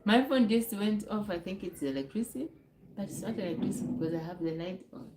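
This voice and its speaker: A woman's voice: medium pitch, expressive, fast, echoey room, background noise. A woman from Uganda, chatting casually on her live stream, rambling and repeating herself. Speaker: livestream host. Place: noisy home with kids nearby.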